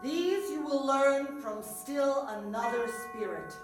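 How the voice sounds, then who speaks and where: Woman as solemn old ghost in a radio play, slow and portentous, super echoey w music behind. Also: high voice, recorded from a distance. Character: solemn aging Ghost of Christmas Present, near its end.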